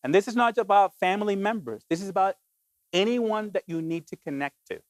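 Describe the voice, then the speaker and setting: A middle-aged man from Colombia giving an animated, emphatic talk to an audience as a keynote speaker, often saying "basically". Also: sits high, fairly quick, dry recording.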